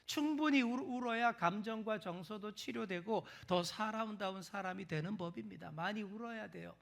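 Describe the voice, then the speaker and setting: A male pastor preaching a sermon to his congregation. He asks them questions and swings from loud stresses to hushed whispers. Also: fairly high pitch. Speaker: senior pastor.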